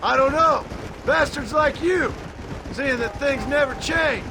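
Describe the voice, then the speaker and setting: A weary former outlaw gunslinger in a Western video game, curt and defiant. He pushes his voice very high for a man, with dry folksy phrasing. Hoofbeats and outdoor noise run clearly behind him. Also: unhurried, heavily acted. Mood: bitter, defiant. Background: hoofbeats, outdoor ambience.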